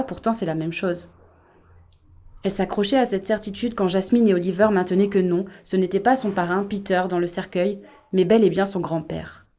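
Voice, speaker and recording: Mellow woman reading a story aloud. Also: mid-range voice, dull audio. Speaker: audiobook narrator. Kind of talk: scripted narration.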